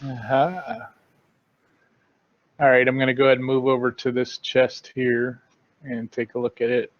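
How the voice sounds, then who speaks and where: A man playing a tabletop game, calmly checking doors and chests one by one. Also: mid-range voice, unhurried, lo-fi sound. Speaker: player. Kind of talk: tabletop role-play.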